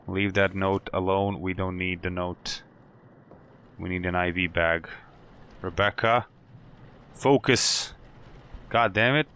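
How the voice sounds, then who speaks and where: A man's voice: low-pitched, gravelly, fairly bright tone, slight background noise. A man hosting a horror game playthrough, jumpy and swearing, talking to himself and to the game as he plays. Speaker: gaming channel host. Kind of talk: let's play commentary.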